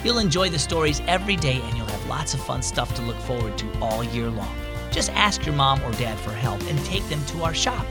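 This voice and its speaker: A man hosting a children's devotional program, reading scripted stories in an animated storyteller manner. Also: mid-range voice, fairly quick, hardly any pauses, loud music behind the voice. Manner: animated storyteller voicing characters. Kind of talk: scripted storybook narration for kids.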